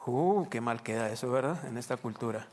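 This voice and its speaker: Pastor preaching in a reverberant church. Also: male voice, mid-range voice, brisk, darkish tone. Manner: conversational preaching, asks the congregation questions. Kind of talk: sermon.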